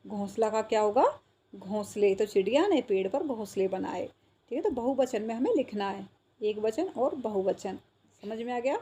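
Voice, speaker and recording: A woman's voice: medium pitch, lively intonation, normal speed, mellow, husky. A woman teacher patiently explaining a textbook exercise to young children, repeating words and checking that they follow.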